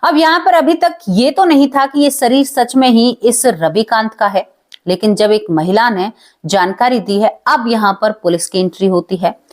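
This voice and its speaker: A woman's voice: on the high side, normal speed. A woman narrating a dramatic supernatural story with emotion, often addressing her listeners as friends.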